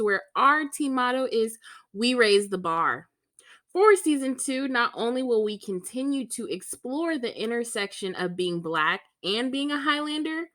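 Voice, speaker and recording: A woman's voice: on the high side, a bit bright. A woman hosting a podcast, reading a scripted intro and asking interview questions in a friendly way. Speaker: podcast host.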